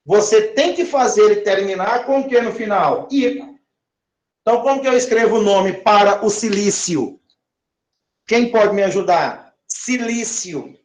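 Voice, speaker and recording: A high-voiced man speaking at normal speed leads a chemistry lesson in an echoey room. He draws out his words and regularly makes sure his listeners are following along.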